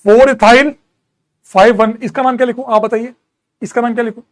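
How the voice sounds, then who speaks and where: In a very high, steady, brisk voice, a man leads a live chemistry class in mixed Hindi and English. He counts out atom numbers, reads and responds to students' questions, and teases and scolds them in jest.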